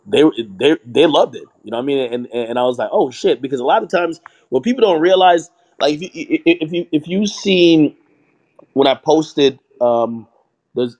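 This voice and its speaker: A young man from Jamaica chats loosely in an online voice room. He rambles, restarts his sentences and keeps asking "you know what I mean." His pitch sits in the middle for a man. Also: darkish tone. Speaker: hip hop media personality. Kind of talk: casual audio chat room conversation.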